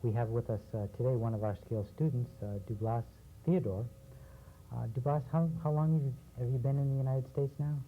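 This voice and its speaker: A man interviewing guests on community TV, asking steady questions with a few fillers, heard from a worn VHS tape copy. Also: medium pitch, brisk, soft background music. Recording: worn VHS tape, thin and phone-like with faint hiss.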